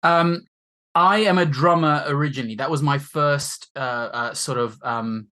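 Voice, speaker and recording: A man's voice: a little high, moderate pace, bright, forceful tone. A man in his forties from Zimbabwe, a podcast guest who tells stories in a rambling, self-deprecating way, full of fillers and restarts. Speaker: guest musician and marketer. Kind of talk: casual chat.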